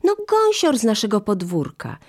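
A woman voicing two young children, a boy and a girl, in a high, eager, exclaiming voice. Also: wildly swooping pitch, normal speed, breathy edge. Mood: excited.

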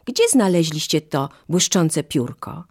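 A woman's voice: sits low, sing-song, takes it slowly, darkish tone, husky, no room sound, clean studio sound, exaggerated voice. A woman voicing a poor, doubting mother who speaks in a skeptical but practical way. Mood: doubtful.

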